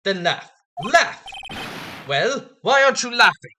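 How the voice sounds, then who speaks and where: A woman's voice: on the low side, very animated, measured pace, background noise. A woman voicing a proud, bitter young male prosecutor with a cold, haughty manner. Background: game music.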